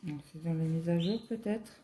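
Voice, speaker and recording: A woman chatting casually as a cross-stitch vlogger, musing aloud with halting fillers as she browses shops online. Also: on the low side, background noise. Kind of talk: casual screen-share chat.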